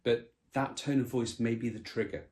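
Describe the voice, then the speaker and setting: A man's voice: medium pitch, steady tone, moderate pace, darkish tone. A man co-hosting a podcast about relationships, explaining in a reflective, conversational way with frequent restarts. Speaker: podcast co-host.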